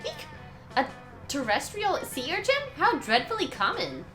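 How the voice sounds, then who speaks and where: A haughty young aristocrat played by a woman in a tabletop game. Her delivery is posh and disdainful, swinging widely in pitch, with music faintly underneath. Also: huge pitch swings, normal speed, fairly bright tone, heavily acted. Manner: posh aristocrat, grandly condescending. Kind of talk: in-character tabletop game role-play.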